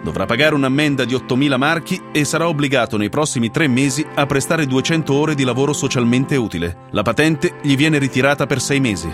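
A man playing a judge who reads out a court sentence in a measured, formal way, with music behind him. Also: mid-range voice, natural voice. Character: stern formal judge reading a verdict.

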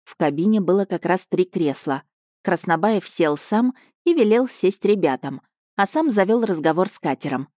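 Woman narrator, low voice, dry close sound, storybook audiobook. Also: animated, moderate pace, darkish tone, dry recording.

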